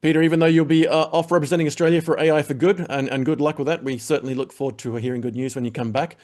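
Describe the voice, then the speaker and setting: A web TV show host races through the end of an interview, giving upbeat, wandering plugs to his audience with plenty of fillers. His voice sits on the high side, with a darkish tone and fairly even intonation.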